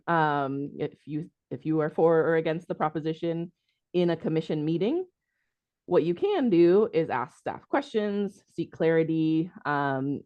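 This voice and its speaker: A woman's voice: sits low, no echo, muffled recording. A woman from city housing staff giving a presentation in an online meeting, casual and hedging, with many ums. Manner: informal, hedging with frequent ums.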